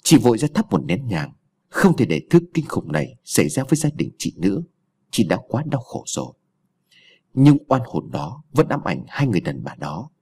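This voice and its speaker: A man narrating a ghost story in a dramatic, expressive way. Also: lowish voice, normal speed, slightly rough.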